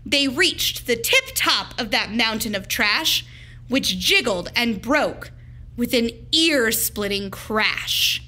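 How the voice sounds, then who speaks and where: With a slightly high voice, a woman teacher tells the story of a picture book to kids, reading expressively, deliberately, and with emphasis.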